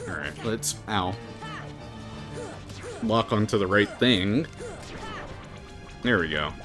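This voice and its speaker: Male streamer, relaxed joking gameplay commentary, slow delivery, faint game music underneath. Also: on the low side. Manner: laid-back, jokey, laughs often. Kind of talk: casual let's-play commentary.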